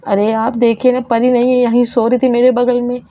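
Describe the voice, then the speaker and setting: A woman's voice: a little high, little pitch movement, brisk, lightly acted. A woman voicing a worried young mother who pleads and sobs while searching for her missing daughter, in a doll story. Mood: anxious. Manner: pleading, tearful. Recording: dull lo-fi sound.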